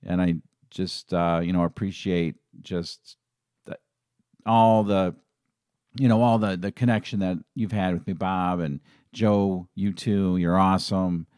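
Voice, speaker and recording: A man's voice: deep voice, fairly even intonation, measured pace, darkish tone, smooth, dry recording, studio quality. Emotional man hosting a casual live stream. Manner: emotional, rambling, with many restarts. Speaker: fan channel host.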